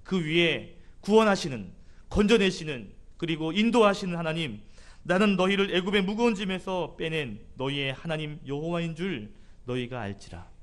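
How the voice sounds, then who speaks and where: A man's voice: fairly high pitch, lively intonation, moderate pace, voice pushed up, close to an everyday voice. A man voicing a stern, commanding divine figure who scolds and reassures emphatically.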